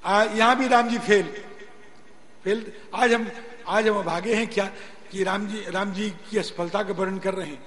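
A man giving a religious discourse, explaining scripture and chanting its verses in a slow, drawn-out way. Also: sits high, steady tone, fairly bright tone. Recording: long hall reverb, faint noise.

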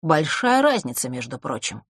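A woman's voice: sits low, big pitch swings, moderate pace, husky, dry recording, studio quality, exaggerated voice. A woman voicing a gloomy teenage boy who answers curtly. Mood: sullen. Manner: gloomy, curt. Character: sullen brooding teenage boy.

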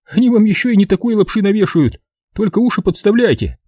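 A man's voice: sits high, lively intonation, fast, mellow, breathy edge, no room sound, clean studio sound, voice pushed up. A man voicing a cheeky young soldier who mocks and rattles on like a know-it-all. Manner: sly, mocking, rattles on.

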